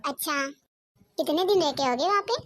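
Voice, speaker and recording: A woman's voice: sits high, animated, moderate pace. A woman voicing an outspoken young sister-in-law. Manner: persuasive, pressing her point.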